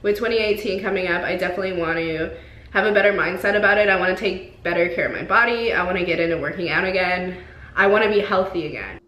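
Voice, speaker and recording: A woman's voice: on the low side, fast, a bit bright, reverberant, low-quality recording. A young woman in her twenties speaking earnestly in a casual diary clip about wanting to be healthy. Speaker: vlogger.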